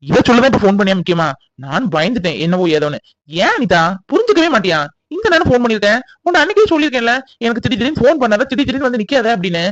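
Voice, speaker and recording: A man's voice: very high-pitched, sing-song, very fast, no room sound. A young man voicing a harried, guilty young husband who stammers and frets, on slightly dull audio. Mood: irritated. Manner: flustered, stammering.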